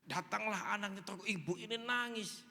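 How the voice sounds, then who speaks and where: A man's voice: high voice, a little fast, creaky, pushed and bright. A male pastor preaching a sermon, telling a story animatedly and acting out the dialogue. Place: large church hall. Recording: long reverb in a large hall.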